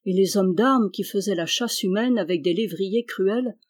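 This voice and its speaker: A reader narrating a classic historical novel in a steady, measured way. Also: medium pitch. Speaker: audiobook reader.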